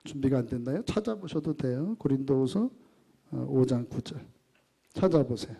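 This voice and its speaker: A male pastor preaching a sermon, asking the congregation questions and leading them through scripture readings, moving between raised and quiet phrases. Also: mid-range voice, expressive, moderate pace, gravelly, slightly rough.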